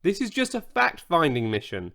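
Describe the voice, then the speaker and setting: A man's voice: a little high, wildly swooping pitch, moderate pace, creaky, pushed and bright, exaggerated voice. A man voicing a sensible young girl on a secret rescue in a children's story. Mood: earnest. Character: brave clever young girl, a witch.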